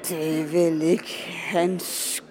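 A man's voice: fairly high pitch, flat delivery, darkish tone, lightly acted. An actor playing a pushy man at a bar who knows the listener's father and probes with persuasive questions. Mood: probing. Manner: probing, persuasive. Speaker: stranger at a bar. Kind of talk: radio drama acting.

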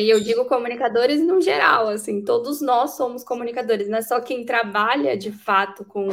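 Brazilian woman hosting a chatty podcast. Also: fairly high pitch. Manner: agreeing, sums up with many fillers like "né" and "assim". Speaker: podcast host. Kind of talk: casual podcast chat.

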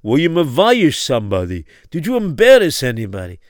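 A man's voice: a little high, wildly swooping pitch, dry recording, clean studio sound. A man playing a stern, solemn rabbi. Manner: grave and insistent, slows for emphasis. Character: stern, solemn male rabbi advising a father.

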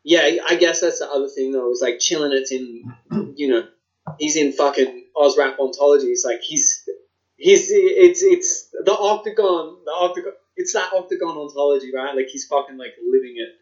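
A man's voice: fairly high pitch, normal speed, darkish tone. A man with an Australian accent chatting casually as a podcast co-host, swearing and using plenty of slang. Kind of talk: casual chat. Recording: dull, lo-fi sound.

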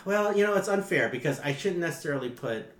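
A man's voice: a little high, animated, fast talker, echoey room. A man co-hosting a podcast in casual chat, laughing often and hesitating with fillers. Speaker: podcast co-host.

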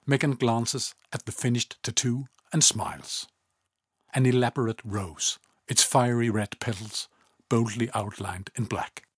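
A man reading a story aloud in calm, even scripted narration, often low and hushed. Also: measured pace, slightly rough, no echo, clean studio sound.

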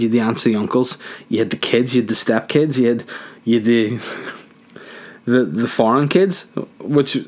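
Rambling, crude podcaster. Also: male voice, fairly low pitch. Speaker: podcast host. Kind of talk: solo podcast monologue. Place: his garage.

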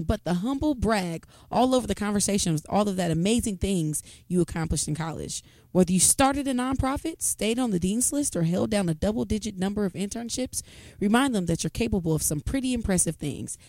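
A woman co-hosting a casual podcast chat, laughing often and acting out quoted lines in a higher voice. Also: animated, fairly quick, darkish tone, no room sound. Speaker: podcast co-host.

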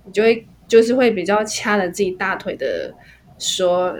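Taiwanese woman hosting, asks soft follow-up questions, mid voice, faint noise. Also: medium pitch, animated, moderate pace. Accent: Taiwanese Mandarin. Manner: gentle probing questions. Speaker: podcast host. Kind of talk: casual interview chat.

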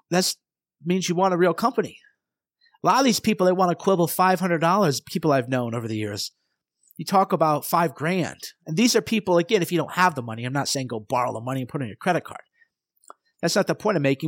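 A middle-aged man gives a solo motivational talk on his podcast, fired-up and emphatic. His voice sits somewhat high for a man. The sound is dry, with no room echo. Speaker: podcast host.

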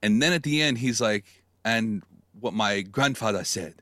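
A man's voice: lowish voice, moderate pace, pushed and bright, no echo. A man co-hosting a casual wrestling chat, talking through his predictions and now and then mimicking catchphrases. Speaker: podcast co-host.

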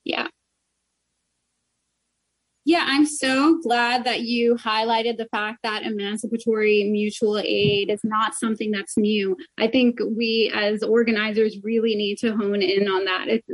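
A woman gives unscripted interview answers as a community organizer. Her mid-range voice stays very even as she explains earnestly. The recording is dry and free of echo. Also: mid-range voice, measured pace.

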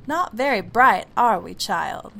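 A woman voicing a pompous, rude male creature on the ceiling, talking in a loud, haughty, scolding way. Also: mid-range voice, animated, slow, creaky, slight background noise, voice pushed up, full character voice.

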